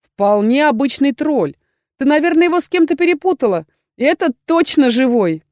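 A woman's voice: high voice, big pitch swings, normal speed, a little mellow, dry recording, clean studio sound, voice pushed up. Woman voicing a whiny young necromancer girl. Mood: doubtful. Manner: exasperated, theatrical lamenting. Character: young female necromancer student, dramatic and complaining. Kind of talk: audiobook character voice.

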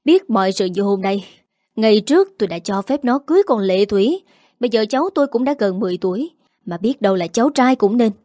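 A woman's voice: mid-range voice, animated, fast, warm tone, no echo, studio quality, lightly acted. A woman reading a storybook voices a harsh older mother-in-law who scolds in a biting, accusing tone. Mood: scolding.

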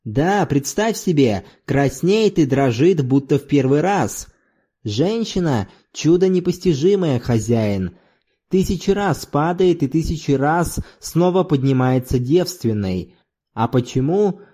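A man's voice: fairly high pitch, lively intonation, a little slow, mellow, husky. A man reading an audiobook in the voice of a lusty, boisterous old laborer who talks in earthy exclamations. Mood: rhapsodic.

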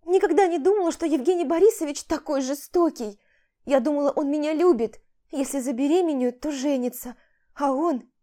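Woman doing a scared teary young mistress in an audiobook, high pleading voice, soft mellow tone. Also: animated, fairly quick, hardly any pauses, natural voice. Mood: pleading, tearful. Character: young pleading pregnant mistress, tearful and frightened. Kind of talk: audiobook character voice.

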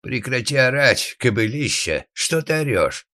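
Man voicing an old father, furious, bellowing, wailing laments, lively raised pitch, dry audiobook sound. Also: dry recording, heavily acted. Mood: raging. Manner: shouting, lamenting, drawn-out cries. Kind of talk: audiobook narration.

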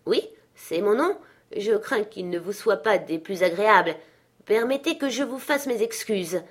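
A woman's voice: mid-range voice, animated, a little slow. Woman reading as a jolly old Scrooge. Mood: cheerful. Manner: cheerful, eager. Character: old man Scrooge, joyful and warm-hearted.

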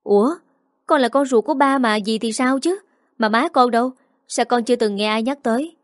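A woman's voice: on the high side, normal speed, dry recording, clean studio sound, voice pushed up, close to an everyday voice. A woman voicing a rude young daughter-in-law, answering curtly and talking back. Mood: indignant.

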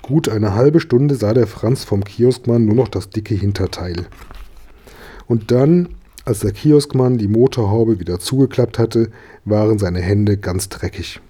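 A man reading a children's story aloud in a calm, even storytelling manner. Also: fairly low pitch, unhurried, slightly rough. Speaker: narrator.

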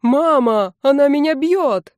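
A woman reading an audiobook, voicing a playful, mocking young man who teases his sister loudly. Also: medium pitch, expressive, moderate pace, no room sound, studio quality, close to an everyday voice. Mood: mock wailing. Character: teasing cheeky young adult brother.

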